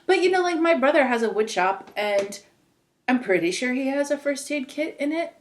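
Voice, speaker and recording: A woman's voice: high voice, lively intonation, normal speed, roomy sound. A woman co-hosting a podcast, chatting casually and rambling with lots of filler words. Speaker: podcast co-host. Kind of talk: casual chat.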